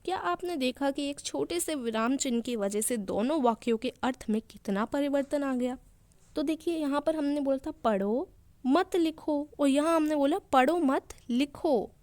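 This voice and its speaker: A woman's voice: sits high, darkish tone, no room sound. Hindi teacher woman, patient explainer. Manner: repeats and rephrases each point slowly for young pupils. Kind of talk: explaining a Hindi grammar lesson to children.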